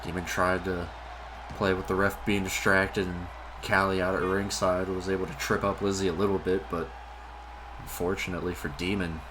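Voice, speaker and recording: A man with a deep voice delivers wrestling commentary. He calls each move play by play in short phrases. The recording has heavy noise throughout. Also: little pitch movement, moderate pace. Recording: very noisy recording.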